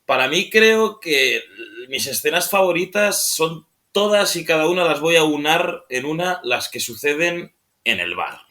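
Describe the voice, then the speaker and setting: Bright-voiced man rambling about films. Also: fairly high pitch, lively intonation, unhurried. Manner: unscripted, rambling, searching for words; ends phrases with a questioning tag. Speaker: film podcast panelist. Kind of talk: casual film discussion.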